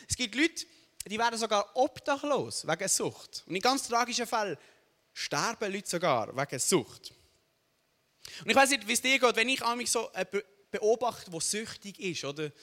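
A young adult man with a Swiss German accent preaching a sermon, often checking in with the audience. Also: high-pitched. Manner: animated, asks the audience "oder?" often. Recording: long hall reverb.

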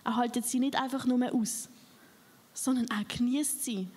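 A woman's voice: fairly high pitch, steady tone, moderate pace, darkish tone, breathy edge. Fervent woman preaching in a hall. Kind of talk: sermon. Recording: long hall reverb.

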